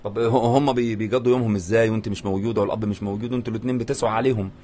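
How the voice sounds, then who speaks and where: A man with an Egyptian Arabic accent, a reporter asking gentle, probing questions in a news interview. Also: lowish voice, steady tone, racing, faint music behind.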